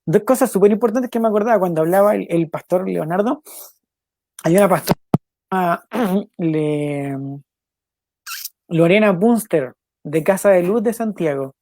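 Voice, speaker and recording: A man's voice: high voice, dark tone, no room sound. A young man hosts a devotional program, talking in an earnest, conversational way and often repeating his points. His voice is recorded close and dry, with no room sound around it. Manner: earnest, repeats phrases, quick asides, laughs now and then. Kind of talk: casual devotional talk and spoken prayer.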